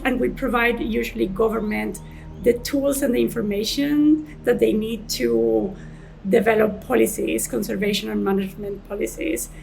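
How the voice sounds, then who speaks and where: Gravelly woman scientist. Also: on the high side, poor audio. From Colombia. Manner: unhurried, restarts phrases. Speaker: senior marine scientist. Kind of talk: conversational interview answers.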